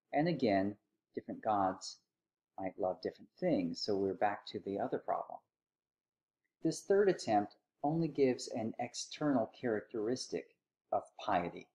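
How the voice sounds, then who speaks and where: A man giving a recorded philosophy lecture, telling the story in a lively way and acting out quotes with sarcasm. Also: medium pitch.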